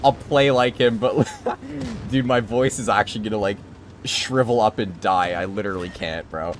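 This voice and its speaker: A man's voice: on the low side, moderate pace, slight background noise. A male game streamer chatting casually on a live stream, his voice strained and tired, laughing and answering chat in slangy talk.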